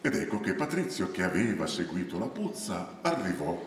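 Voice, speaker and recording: Animated male storyteller in an echoing hall. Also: low voice, moderate pace, a little hiss or hum. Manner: animated, theatrical. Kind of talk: storytelling with sung rhymes. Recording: echoey hall, distant mic, faint music.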